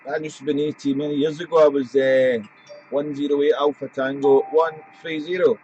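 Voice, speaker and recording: A man's voice: a little high, flat delivery, fairly quick, darkish tone, slight background noise. A man working as an amateur radio operator on a live stream, chatting informally and repeating call signs. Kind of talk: casual ham radio chat and call-sign calling. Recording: dull, roomy streamed audio.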